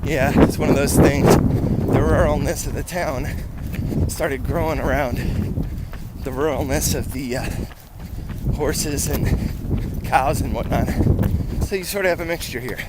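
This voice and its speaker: A man's voice: mid-range voice, measured pace. A middle-aged American man talking casually in a rambling, conversational way as he records a running vlog outdoors. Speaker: running vlogger. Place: outdoors on town and semi-rural streets. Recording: loud outdoor ambience and traffic noise. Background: loud road and outdoor noise.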